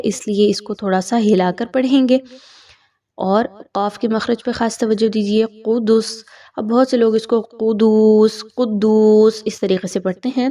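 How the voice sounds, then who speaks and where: A woman teaching Quran recitation rules, explaining patiently and then reciting each word slowly. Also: mid-range voice, dark tone, recorded from a distance.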